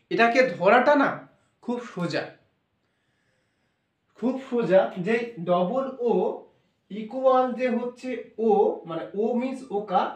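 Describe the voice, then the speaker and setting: A man's voice: high voice, distant mic. A man teaching a phonics lesson who keeps repeating his points and checking in with "okay". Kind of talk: spoken English phonics lesson. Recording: roomy echo, voice off-mic.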